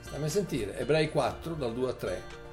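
A man preaching a sermon in an animated way, repeating phrases and rising into emphatic bursts. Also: mid-range voice, normal speed, faint music behind.

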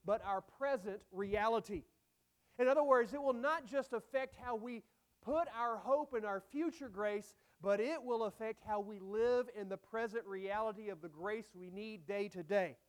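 High-voiced earnest male preacher. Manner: earnest, swinging between emphatic lines and soft, dropped phrase endings. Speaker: pastor. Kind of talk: sermon.

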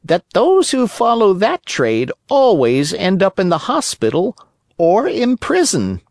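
A storyteller voicing a wise old male talking cricket who lectures in a calm, preachy way, in a storybook reading. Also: medium pitch, unhurried, gravelly, no echo, clean studio sound, pitched above the performer's own voice, full character voice. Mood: calm lecturing.

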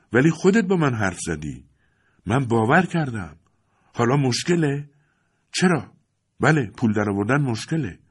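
A man with a husky voice voicing a proud, frustrated Italian teenage boy in an audiobook, pushing out indignant, pleading outbursts. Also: low voice. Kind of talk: audiobook character voice.

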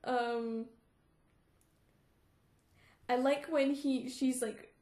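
A high-pitched woman talks unhurriedly in an echoey room. She hosts a casual book chat, laughing often and slipping into acted-out quotes. The room gives her voice a roomy echo. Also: drawn-out words. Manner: animated, laughs often, acts out quoted lines. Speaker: podcast host.

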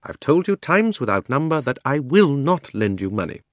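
A man's voice: medium pitch, sing-song, moderate pace, fairly bright tone, no room sound, pitched above the performer's own voice. A man voicing a tough, prim old aunt in a storybook, firm and disapproving. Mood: firm reproach.

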